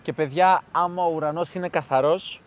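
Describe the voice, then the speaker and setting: Young man, travel vlogger, high voice, jokey, direct to viewers, outdoors. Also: fairly even intonation. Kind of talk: casual travel vlog chat. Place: outdoors in the cold.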